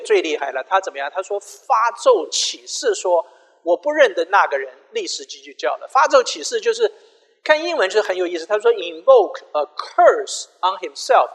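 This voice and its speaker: Lively high-voiced man preaching in a hall. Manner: retells scripture with quoted dialogue, mixing in English phrases. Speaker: pastor. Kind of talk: sermon.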